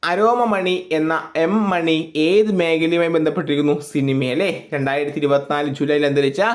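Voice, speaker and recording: A man teaching an exam-prep lesson, reading each question and answer twice and urging listeners to remember them. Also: fairly high pitch. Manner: informal, addresses listeners casually. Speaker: exam coach. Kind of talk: current affairs quiz lesson.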